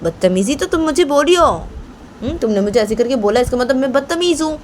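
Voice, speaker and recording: A woman's voice: high voice, lively intonation, brisk, a little hiss or hum, voice pushed up. A woman voicing a suspicious, touchy grandmother who scolds in accusing, repeated questions. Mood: indignant.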